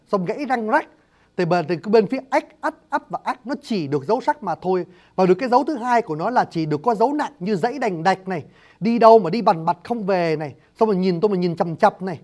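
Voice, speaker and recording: A man teaching speech sounds in a spoken lecture, talking quickly. He addresses his audience formally and says each example sound out loud as he goes. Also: high voice. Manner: addresses listeners formally, demonstrates sounds aloud. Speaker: teacher of Vietnamese phonetics.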